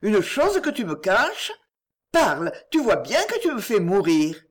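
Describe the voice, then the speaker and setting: A woman voicing a gentle, sorrowful middle-aged mother in a read-aloud novel, speaking in a slow, lamenting way. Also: medium pitch, wildly swooping pitch, slightly rough, heavily acted. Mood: anxious.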